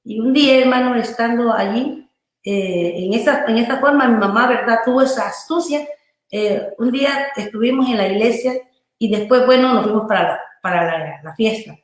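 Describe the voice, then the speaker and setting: A woman's voice: on the high side, moderate pace. A woman pastor from Honduras, telling her personal testimony in an interview, earnestly and loosely, often checking in with her listener. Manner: earnest, loose storytelling with frequent "¿verdad?" and "hermano" tags. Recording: very echoey room.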